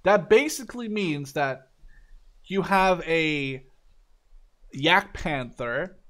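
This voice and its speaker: A Dutch gaming video creator in his twenties, from Canada or the Netherlands, gives casual, enthusiastic game commentary and swears freely. His voice is on the high side and fairly bright, with lively intonation and a slow pace.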